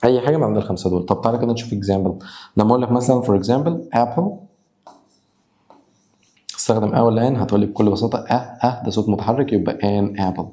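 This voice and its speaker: Egyptian male English teacher, mellow low voice, drills sounds slowly, reverberant room. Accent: Egyptian Arabic. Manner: repeats example words slowly, sounding them out. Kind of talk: spoken grammar lesson.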